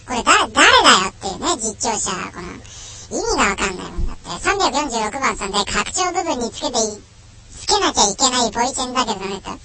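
A man's voice: very high-pitched, big pitch swings, quick pace, noisy background. A man talking casually through a voice changer while reading comments, grumbling and mocking himself. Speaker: streamer reading viewer comments. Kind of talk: casual chat.

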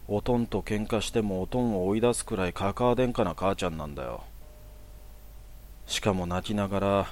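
A young man telling a personal horror story in a hushed, casual way. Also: fairly low pitch.

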